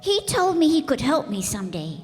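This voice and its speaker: A woman's voice: high-pitched, very animated, fairly quick. A woman playing an earnest, curious little boy prince from another planet in a radio play, persistently asking questions. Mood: earnest, frank. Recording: echoey hall, music behind.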